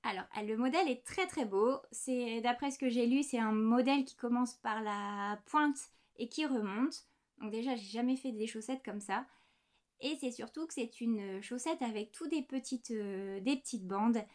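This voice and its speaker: A woman in her thirties with a slightly high voice chats casually from her home desk. She shows off small knitting items, often apologizing and pausing over the little details. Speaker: knitting podcast host. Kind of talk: casual show-and-tell chat.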